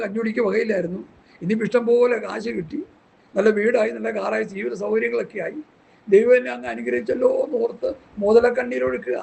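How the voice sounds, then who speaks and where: A pastor leads a Bible study sermon with passion, scolding his listeners and firing off rhetorical questions. His voice is high and husky, with vocal fry.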